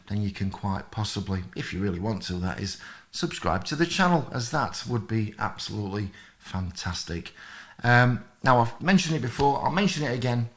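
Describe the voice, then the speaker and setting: Male host, rambling, chatty live-stream sign-off voice. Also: medium pitch. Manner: rambling, friendly, many fillers, reads out chat comments. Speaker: history channel host. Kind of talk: live stream chat with viewers.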